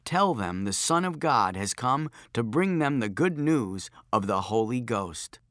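A man doing a calm young male messiah. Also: mid-range voice, unhurried, no echo, clean studio sound. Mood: solemn.

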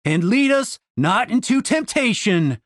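A man voicing a gentle, pious young man who speaks softly and earnestly. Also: high voice, big pitch swings, a little slow, dry recording, clean studio sound, pitched above the performer's own voice, exaggerated voice. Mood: reverent. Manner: soft, earnest, praying.

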